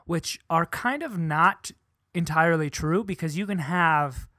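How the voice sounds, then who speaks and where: Young male co-host, a bit high, bright and close, dry sound, teasing banter. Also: unhurried, no echo. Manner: playful, bickering, mock-scientific. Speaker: podcast co-host. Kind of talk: casual chat.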